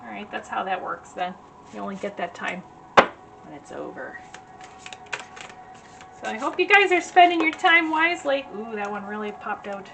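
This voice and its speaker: A woman giving a casual tarot reading, chatty and rambling with many fillers, her voice slightly hoarse as she is losing it. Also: medium pitch, sing-song, normal speed, long pauses, very noisy. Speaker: tarot reader. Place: at home.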